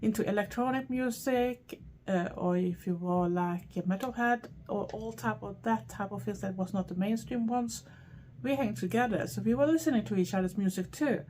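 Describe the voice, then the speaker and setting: A middle-aged woman from Sweden with a Swedish accent, talking in a chatty, rambling way with frequent pauses. She answers viewer questions for her own channel. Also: mid-range voice, warm tone, slight background noise. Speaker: vlogger. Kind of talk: casual Q&A chat to camera.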